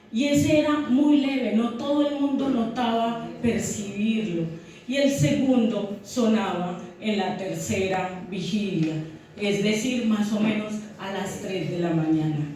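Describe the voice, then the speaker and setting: A woman's voice: medium pitch, darkish tone, slight background noise. A woman preaching a sermon in a church, teaching the passage and asking her congregation questions. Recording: echoey church hall, mic from far off.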